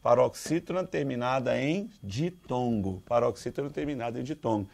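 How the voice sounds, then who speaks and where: Brazilian male teacher with a gravelly, creaky voice, quizzing students as he explains. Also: mid-range voice, normal speed. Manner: lively, quizzes listeners with rhetorical questions; calls students "dear". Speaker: Portuguese teacher. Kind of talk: exam-prep grammar lesson.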